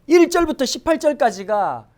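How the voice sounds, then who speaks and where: A male pastor giving a Sunday sermon in a lively, conversational way with joking asides. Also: very high-pitched, moderate pace.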